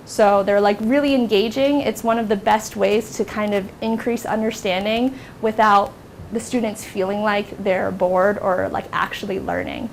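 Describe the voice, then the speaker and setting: A young woman from the United States leading a teacher workshop in a classroom, lively and acting out classroom scenes in a high teacher voice. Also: normal speed, slight background noise. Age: young adult. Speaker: workshop instructor. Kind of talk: teacher training workshop talk.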